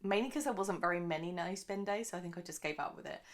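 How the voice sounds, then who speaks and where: A woman hosts her own budgeting vlog, her lowish voice a little croaky from the early morning. She talks fast and rambles, using lots of fillers.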